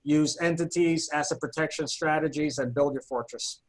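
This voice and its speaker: A man, an attorney, giving a crisp, earnest, cautionary tip on a panel. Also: fairly high pitch, fairly even intonation, normal speed. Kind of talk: brief panel introduction and advice.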